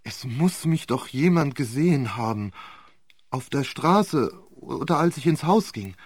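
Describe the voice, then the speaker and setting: A man's voice: medium pitch, lively intonation, unhurried, slightly rough, no room sound, studio quality. A man doing a panicked young defendant. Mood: insistent. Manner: pleading, panicked. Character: desperate young male defendant on trial.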